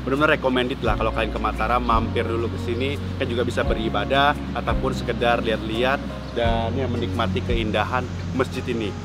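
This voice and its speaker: A young man vlogging outdoors, talking to the camera in a relaxed, chatty way. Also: medium pitch, fast. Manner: relaxed, chatty, addresses viewers as guys. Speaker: travel vlogger. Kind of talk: casual chat to camera. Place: outdoors, at a mosque and a beach hut. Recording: talk over loud background music.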